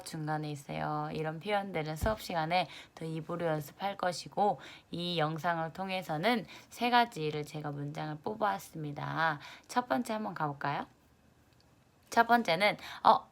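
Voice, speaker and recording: Lively woman teaching English. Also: lowish voice. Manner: lively, stresses English words loudly, acts out students' reactions. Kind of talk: online lesson.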